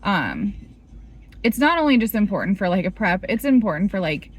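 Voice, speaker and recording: A woman's voice: medium pitch, big pitch swings, moderate pace, breathy edge. Chatty woman vlogger, rambling. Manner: rambling, heavy use of "like". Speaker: fitness vlogger. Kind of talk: casual vlog chat.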